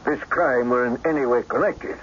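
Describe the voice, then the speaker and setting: An actor playing an earnest, puzzled Victorian gentleman doctor, hesitant and stammering, in a radio mystery drama. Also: mid-range voice, normal speed, natural voice. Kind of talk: old-time radio mystery drama acting. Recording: dull, lightly noisy radio drama recording.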